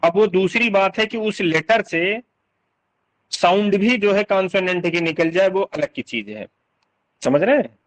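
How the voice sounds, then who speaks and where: A man teaching English literature terms in casual speech, explaining slowly, repeating sounds and often checking that students follow. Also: high voice, low-quality recording.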